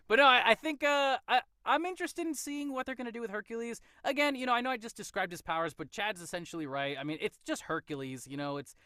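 A man hosting a podcast, chatting casually about a movie, animated and quick to laugh. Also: extremely high pitch, clean tone, no room sound, clean studio sound. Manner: animated, theorizing, laughs often. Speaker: podcast host. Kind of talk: casual movie review chat.

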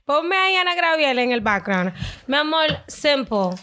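High-voiced playful woman podcast co-host. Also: big pitch swings, moderate pace, bright, forceful tone. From Dominican family, raised in Lawrence. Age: young adult. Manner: playful, switches between English and Spanish. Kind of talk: bilingual casual chat.

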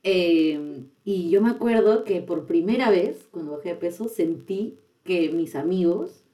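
A woman's voice: on the low side, expressive, measured pace, dark tone, distant mic. A young woman, hosting a casual podcast chat and speaking in a chatty, confessional way with frequent laughs. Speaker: podcast host.

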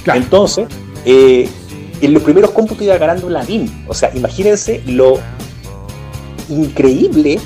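Un hombre con acento chileno conversa de política en un pódcast, con muchas pausas y frases que se reinician. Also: male voice, fairly high pitch, expressive, warm tone, faint music behind. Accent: Chilean Spanish. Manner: rambling, many restarts and fillers. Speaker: political podcast co-host. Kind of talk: casual political chat.

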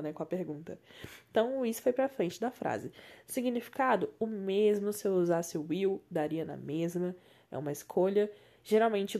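A woman with a Brazilian Portuguese accent, an English teacher explaining grammar on a podcast and repeating example sentences slowly. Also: medium pitch, a little mellow.

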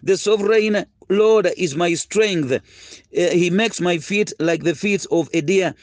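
A man preaching a sermon, earnest and halting, full of fillers and repeated words. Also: sits high, a little mellow, no echo. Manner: earnest, slows to stress key phrases. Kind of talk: recorded sermon teaching.

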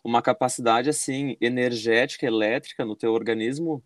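A man talks in a casual podcast chat at a middle pitch. He winds through his points with fillers and restarts, and the sound is dry and close. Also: fairly even intonation, brisk, dry recording. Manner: explains with many fillers and restarts. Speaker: podcast guest.

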